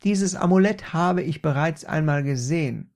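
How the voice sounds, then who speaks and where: A dim-witted grown man whines and complains in a raised, high voice, as a male storyteller acts him out. His delivery is indignant and easily wounded, with a rough, gravelly grain under the complaints. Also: moderate pace, lightly acted. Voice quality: whiny, high and loud. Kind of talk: comic storytelling.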